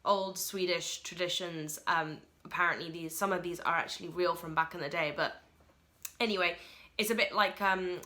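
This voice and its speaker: A woman giving a casual solo film review in a rushed, chatty way, full of fillers like "like" and "uh". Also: lowish voice, steady tone, sharp tone.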